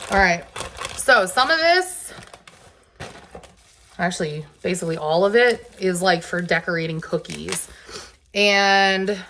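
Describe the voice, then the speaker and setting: A low-ish, bright, forceful female voice with lively intonation moves slowly, leaving long pauses, over a little hiss or hum. She's a Southern US vlogger, sniffly from allergies and hot and sweaty, casually rambling with fillers and asides while displaying her grocery haul.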